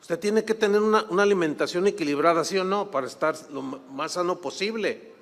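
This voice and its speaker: A man preaching a sermon, telling a story with lively acted-out voices. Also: high voice, brisk. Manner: animated, acts out quoted voices, laughs while telling. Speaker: pastor. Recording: long hall reverb.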